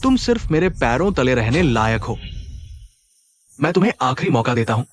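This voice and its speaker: An actor as a sneering villain uncle. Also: male voice, medium pitch, very animated, moderate pace, slight background noise, close to an everyday voice. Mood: contemptuous. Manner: mocking, contemptuous. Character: sneering greedy middle-aged uncle villain. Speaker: scheming uncle. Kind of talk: Hindi-dubbed drama acting.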